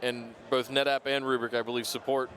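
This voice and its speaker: A man's voice: medium pitch, flat delivery, a little fast, a bit bright. A man hosting a live-stream interview in a chatty, informal, casual way. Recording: noisy busy event floor background.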